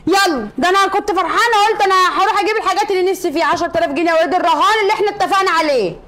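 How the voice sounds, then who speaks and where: A woman's voice: very high-pitched, racing, fairly bright tone. A woman playing a demanding Egyptian sister. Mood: insistent. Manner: insistent, demanding. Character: young adult sister demanding her bet winnings. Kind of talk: comedy sketch acting.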